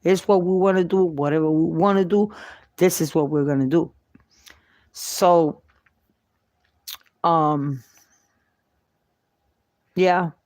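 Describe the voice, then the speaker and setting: A woman's voice: fairly low pitch, steady tone, slow pace, long pauses, a little mellow, dry recording. A middle-aged woman telling her own life story in an emotional, repetitive testimony driven by faith. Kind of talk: personal testimony monologue. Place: New York.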